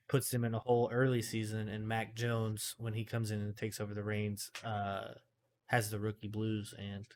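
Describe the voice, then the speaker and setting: A man's voice: fairly low pitch, a bit bright. A man co-hosting a casual fantasy football podcast, rambling and correcting himself as he talks. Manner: rambling, self-correcting, filler-heavy. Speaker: podcast co-host.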